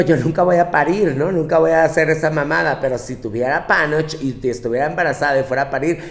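A man's voice: on the high side, creaky. A man voicing a bossy young Mexican woman with a Mexican accent, lecturing her girlfriends in a profane, scolding comic monologue. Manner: brash, profane, scolding, with mocking quoted voices. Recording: roomy, echoey room.

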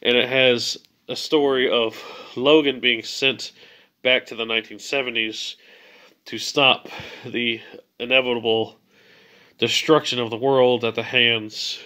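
A man's voice: medium pitch, sharp tone. A man hosting a movie ranking video in a casual, enthusiastic way, sounding a little stuffy from a cold. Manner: enthusiastic, gushing praise. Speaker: movie list video host.

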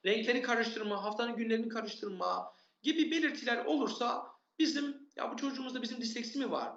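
A man with a high voice speaks as an expert guest, earnestly laying out examples one after another and repeating key points. His sound is roomy and echoey, and the audio is dull and muffled, as over a remote call. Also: a bit bright. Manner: earnest, explains with listed examples, repeats for emphasis. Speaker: expert guest on parenting and learning. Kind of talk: explanatory interview answers.

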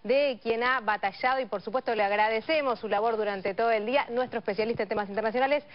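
A woman's voice: a little high, fast, lo-fi sound. A woman in her thirties or forties with an Argentine accent, presenting live TV news as an anchor. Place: TV news studio.

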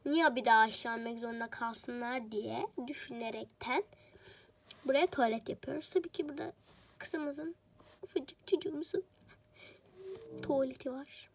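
Chatty high-voiced woman, slightly sick. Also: moderate pace, pauses often. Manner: chatty, rambling self-talk with jokes. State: sick, voice a bit off. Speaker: game streamer. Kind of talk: casual gameplay commentary.

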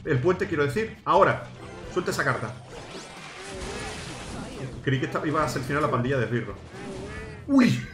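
Male gaming host, fairly high voice, energetic play-by-play that jumps to shouts, echoey room with game music under it. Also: normal speed, pauses often. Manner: coaching teammates, bursts into shouting at big plays. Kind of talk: excited live gameplay commentary. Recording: roomy sound with game music.

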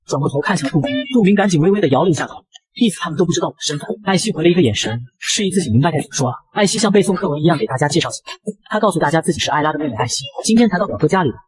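A man narrating a manga recap in a brisk, breathless scripted delivery. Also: on the high side, lively intonation, slightly rough.

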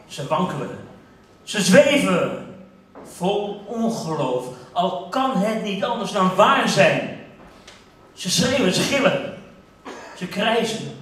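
Male stage reciter, high voice, slow and dramatic, hushed-to-loud declamation; echoey theater, distant mic. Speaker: stage speaker.

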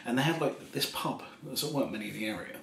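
Chuckling tipsy man, soft-spoken storytime. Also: medium pitch, fast, creaky. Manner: rambling, chuckling often, drifting into soft half-whispers. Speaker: ASMR storyteller. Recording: roomy echo, faint background hiss.

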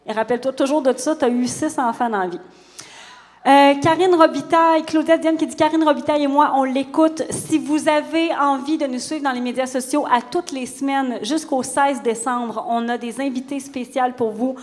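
A woman's voice: sits high, fairly even intonation, normal speed, a little mellow, in a large hall, faint music behind. A Québécois woman hosting a live stage talk show, bubbly and teasing, laughing easily. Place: stage before a live audience.

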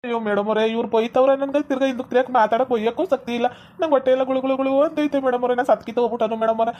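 A woman's voice: a little high, fairly even intonation, rapid-fire, lightly acted. A woman playing a panicky sick villager, whiny and pleading. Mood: wailing. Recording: dull lo-fi sound.

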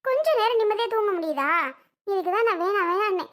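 A weary pregnant young wife who keeps complaining and defending herself, played by a woman. Her voice is very high and pitched up in protest. It is a homemade family comedy skit. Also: quick pace, fairly bright tone.

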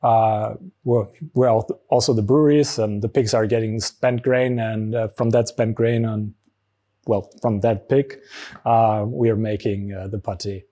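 A man in his thirties with a German accent, a brewery founder answering interview questions in a relaxed way with many fillers, on a lapel mic in a barrel room. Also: on the low side, a little slow. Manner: frequent fillers, relaxed explaining. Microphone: small lapel mic.

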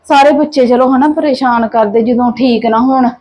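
A woman's voice: high-pitched, normal speed, darkish tone, poor audio. A sleep-deprived mother, chatting casually in a family vlog, tired and worried and full of fillers and restarts. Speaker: vlogger and mother.

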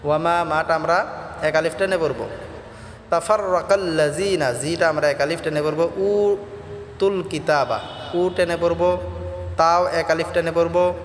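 A man's voice: a little high, fairly even intonation, a little slow, echoey room, in a large hall, slight background noise. A man teaching Quran pronunciation, patiently explaining each sound step by step.

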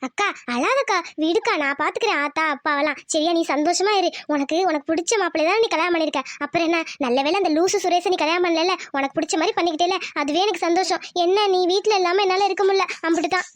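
A woman voicing a caring little village schoolgirl in a cartoon, with high, sweet childlike chatter. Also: fast talker, hardly any pauses, no echo, studio quality. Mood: consoling. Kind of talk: cartoon voice acting.

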